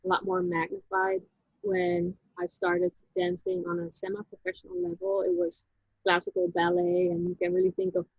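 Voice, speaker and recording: A woman, telling her personal story as an interview guest in a halting, reflective way, with frequent restarts. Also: fairly low pitch, very animated, vocal fry, slightly rough, dry recording, highs cut off. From Netherlands.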